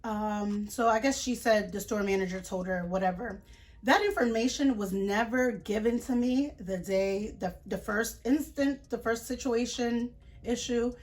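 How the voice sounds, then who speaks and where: A young woman tells a story to her vlog audience in a casual, indignant voice. She talks in quick runs of retold dialogue with plenty of fillers and restarts. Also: fairly high pitch, a little mellow. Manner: indignant, chatty retelling with many fillers. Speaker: vlogger.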